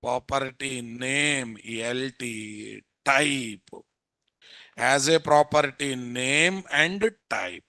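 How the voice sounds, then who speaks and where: A man's voice: medium pitch, drawn-out words, pushed and bright, no echo, studio quality. A man with an Indian Telugu accent giving a live programming lecture as an instructor, repeating phrases and constantly quizzing his listeners.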